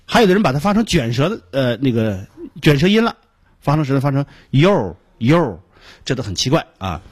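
Man, husky voice, lively rising and falling pitch, patient radio pronunciation teacher, demonstrates sounds slowly. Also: no echo.

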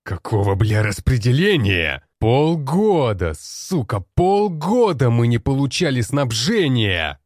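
Raging older commander, yelling and swearing, dark low voice , put on by a male narrator. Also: animated, measured pace, no echo, clean studio sound. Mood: furious. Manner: shouting, swearing, bitter.

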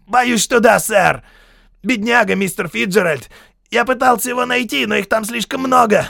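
A man doing a shrill, manic killer sergeant. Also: normal speed, vocal fry, sharp tone, no room sound, studio quality, heavily acted. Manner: shrill, manic, sneering, barking "sir". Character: crazed murderous male army sergeant, fawning.

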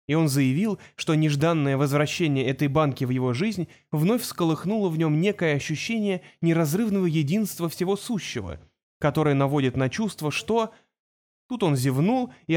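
A man narrating an audiobook in a brisk, wry storytelling manner. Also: fairly high pitch, a little mellow. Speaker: audiobook reader. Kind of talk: scripted narration.

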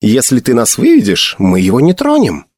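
A man's voice: medium pitch, wildly swooping pitch, moderate pace, darkish tone, no echo, studio quality. Man reading as a grim young commander, short clipped lines. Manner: terse, subdued.

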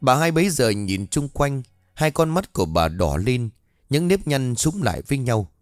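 A man's voice: medium pitch, sing-song, normal speed, no echo, studio quality. Dramatic male ghost-story narrator. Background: faint background music.

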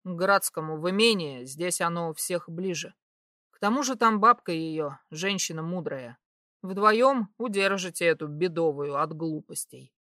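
A woman voicing a gruff, commanding young nobleman who speaks curtly and coldly. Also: fairly low pitch, animated, moderate pace, bright, forceful tone, dry recording, studio quality, voice pushed down. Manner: curt, cold, bossy.

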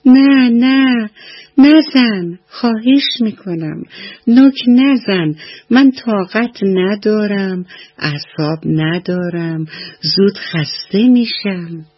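A woman's voice: mid-range voice, animated, slightly rough, muffled recording, pitched above the performer's own voice. A woman voicing a grumpy, tired old tree with a trembling voice in a children's radio story. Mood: weary pleading.

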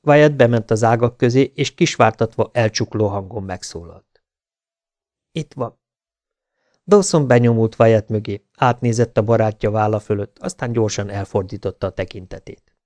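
A man reading an audiobook aloud with an even, dramatic storytelling manner. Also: lowish voice, dry recording. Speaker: audiobook narrator. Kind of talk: scripted audiobook narration.

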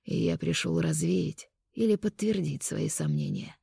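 A woman voicing a cruel male conqueror in an audiobook, speaking low, hushed and taunting. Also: sing-song, unhurried, creaky, slightly rough, dry recording, heavily acted. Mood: cold menace. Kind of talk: audiobook character voice.

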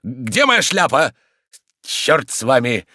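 A man voicing a coarse, bullying middle-aged man who shouts insults and accusations. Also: mid-range voice, big pitch swings, takes it slowly, no room sound, studio quality, pitched above the performer's own voice, full character voice. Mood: yelling.

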